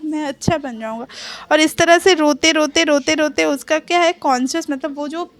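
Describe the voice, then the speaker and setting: High-voiced woman retelling a story. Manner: chatty, emphatic, heavy fillers. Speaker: storyteller channel host. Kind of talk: casual fanfiction retelling.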